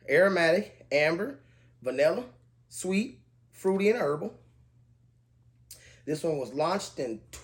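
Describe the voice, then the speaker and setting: Conversational man reviewing fragrances. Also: a little high. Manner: relaxed, conversational, lists notes in a steady cadence. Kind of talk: casual product review to camera.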